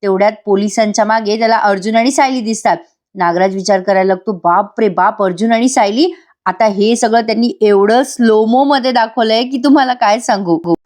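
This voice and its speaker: Woman, voice-over episode reviewer; chatty, addresses viewers directly, slightly high voice. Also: a little mellow. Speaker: TV serial reviewer.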